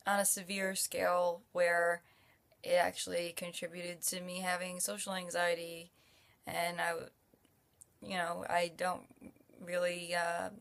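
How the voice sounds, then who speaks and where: A woman's voice: fairly low pitch, completely flat delivery, unhurried, creaky. A young woman with a New Jersey accent, talking openly in a rambling, casual vlog full of fillers. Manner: open, rambling, many fillers. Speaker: YouTuber.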